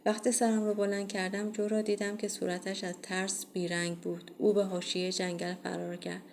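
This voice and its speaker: A woman reading a first-person horror audiobook in a steady, measured way. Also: mid-range voice, gravelly, slight background noise. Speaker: audiobook reader.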